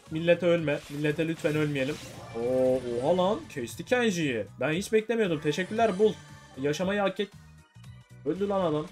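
A man giving excitable, chatty commentary on his own gameplay, talking to viewers and teammates. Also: high voice. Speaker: gaming YouTuber.

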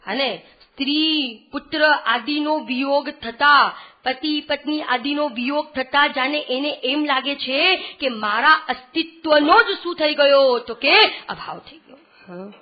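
Woman scripture teacher, unhurried and questioning, dull lo-fi recording. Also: high voice. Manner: questioning, keeps asking listeners if they follow. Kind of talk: religious discourse to a group.

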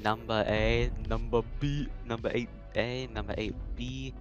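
A man's voice: mid-range voice, level tone, measured pace, highs cut off, faint music behind. A man chatting casually with a friend while gaming, in a teasing, argumentative way. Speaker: gamer.

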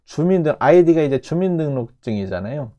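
A man teaching English, explaining a news clip line by line and repeating phrases slowly to break them down. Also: a little high, expressive, dark tone, highs cut off.

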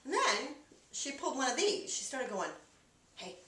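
A woman recounts a funny everyday story in an animated, casual way. Her voice sits a little high and swings widely, picked up at a distance in a roomy space. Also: moderate pace, a little hiss or hum. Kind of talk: casual anecdote.

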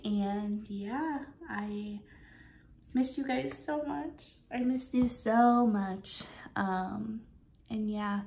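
Standing in her apartment kitchen, the twenty-something woman vlogs to camera in a casual, earnest way, hammering points home through repetition. She draws out her words in a creaky, somewhat mellow medium-pitched voice, with a little background noise and an echoey room sound.

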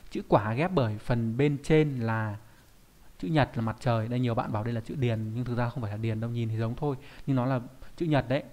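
A man's voice: medium pitch, brisk, a little mellow. A man teaching a recorded online lesson, explaining step by step and often adding little checking questions.

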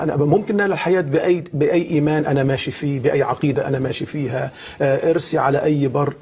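A man's voice: on the high side, darkish tone, breathy edge. A man with a Levantine accent, a pastor hosting a call-in talk show, asking questions and affirming briefly. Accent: Levantine Arabic. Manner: inquisitive, short affirming interjections. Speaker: host and pastor.

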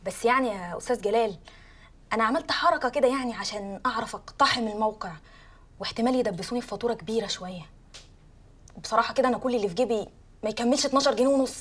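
An actress playing an eager young would-be reporter who rattles on politely and chattily down the phone. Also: female voice, a little high, very fast, husky. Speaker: caller.

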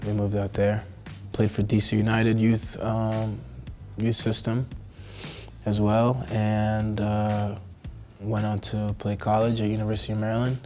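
A low-voiced man from Costa Rica answers questions in a seated studio interview, his voice staying level with little rise or fall. He hesitates often, restarting phrases and filling gaps, and faint music plays behind him. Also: mellow. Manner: hesitant, many fillers and restarts. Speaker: professional soccer player. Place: indoor studio backdrop.

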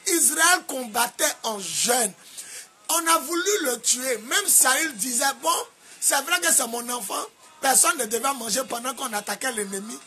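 A man from Côte d'Ivoire with an Ivorian French accent, preaching a sermon in a sing-song cadence with sudden shouts. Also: extremely high pitch, moderate pace, slightly rough. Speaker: apostle preacher.

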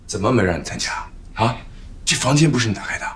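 A man's voice: on the low side, animated, fast, natural voice. A man acting a bossy, confident young character in a television drama. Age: young adult.

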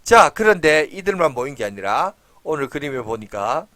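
Animated pastor telling children a story. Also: male voice, fairly high pitch, normal speed, no room sound. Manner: animated, asks the children questions.

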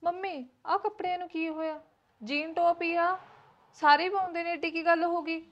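ਇੱਕ ਔਰਤ ਪੰਜਾਬੀ ਲਘੂ ਫ਼ਿਲਮ ਵਿੱਚ ਜ਼ਿੱਦੀ, ਸ਼ਹਿਰੀ ਨੂੰਹ ਦਾ ਕਿਰਦਾਰ ਨਿਭਾ ਰਹੀ ਹੈ, ਜੋ ਜ਼ੋਰ ਦੇ ਕੇ ਸ਼ਿਕਾਇਤਾਂ ਕਰਦੀ ਹੈ।. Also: female voice, very high voice, steady tone, normal speed, a bit bright, highs cut off. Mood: defiant. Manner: insistent, complaining, argumentative. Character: young city-bred woman, stubborn and demanding. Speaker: new daughter-in-law. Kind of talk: Punjabi short film acting.

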